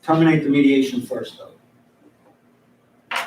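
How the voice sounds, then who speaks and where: A man's voice: medium pitch, fairly even intonation, slow, a little mellow, a little hiss or hum. A man giving an informal mediation training lecture to a group in a room, telling anecdotes and chuckling between his points. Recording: echoey room, mic far off.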